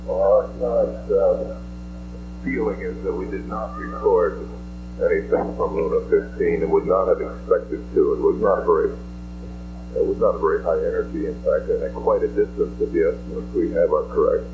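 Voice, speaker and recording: A man's voice: sits low, steady tone, normal speed. A man answering at a press conference as a lead scientist, careful and hesitant, searching for his words. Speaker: scientist, lead seismic investigator. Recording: muffled, echoey archival hall recording with hum.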